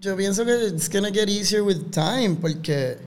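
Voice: mid-range voice, moderate pace. A man with a Puerto Rican accent chatting casually as an interview guest, switching between Spanish and English mid-sentence in Spanglish. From Puerto Rico.

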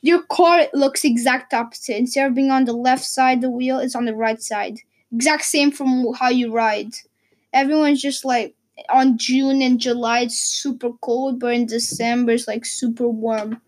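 A woman's voice: on the high side, steady tone, normal speed, low-quality recording. A teenage girl from Portugal, vlogging in a casual, rambling way with lots of fillers and restarts. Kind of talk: casual chat.

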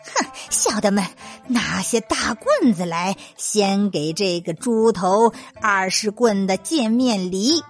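A woman's voice: mid-range voice, lively intonation, slow, hardly any pauses, soft background music, voice pushed down. A woman voicing a proud, hot-tempered male monkey king who snorts and scolds, in a children's story. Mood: scolding haughty.

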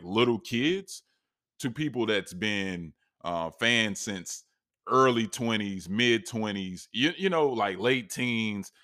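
Clean studio sound without echo captures a lowish, sharp-toned voice. He's a sports fan commentator in his late thirties from North Carolina, sipping tea with a slightly scratchy voice during a casual monologue about fandom, his conversational manner rambling and full of restarts and asides.

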